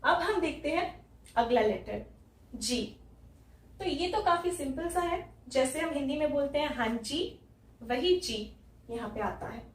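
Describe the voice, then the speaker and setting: A woman's voice: high-pitched, lively intonation, measured pace, long pauses. A woman from India teaching English letter sounds, patiently repeating each sound step by step. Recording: echoey room, voice from a distance.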